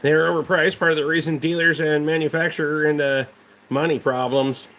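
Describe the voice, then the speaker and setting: A man's voice: on the high side, flat delivery, fairly quick, a bit bright. A man with a Rhode Island accent chatting casually on a livestream as host, blunt, dismissive and heavily profane. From Rhode Island, United States. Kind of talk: casual livestream chat answering viewers.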